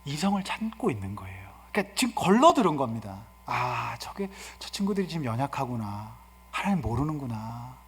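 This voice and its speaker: A male guest pastor giving an animated, humorous sermon and asking the congregation questions. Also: mid-range voice, a little fast, breathy edge. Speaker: guest pastor and seminar speaker. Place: church sanctuary. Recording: reverberant church hall.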